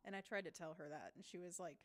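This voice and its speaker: A woman's voice: fairly low pitch, fast talker. A woman artist chatting casually while she draws on a stream, giggling often and rambling to herself. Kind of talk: casual chat while drawing.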